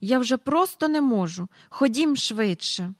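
Woman plays excitable young boy, pleading, high and bright, storybook. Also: normal speed, dry recording, clean studio sound, close to an everyday voice. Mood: impatient. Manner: eager, pleading, impatient.

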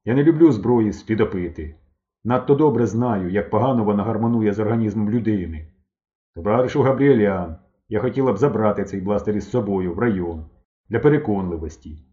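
A man's voice: animated, fairly quick, warm tone, lo-fi sound, lightly acted. A man reading aloud as a stern, caustic elderly woman doctor who speaks sharply and bitingly. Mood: brisk. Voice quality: hoarse bass voice.

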